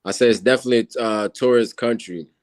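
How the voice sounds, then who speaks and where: Speaking fast at a medium pitch, a guest musician from Senegal, a man in his thirties whose native language is Wolof, talks casually in an interview. His manner is relaxed, and he wanders through his points with many fillers.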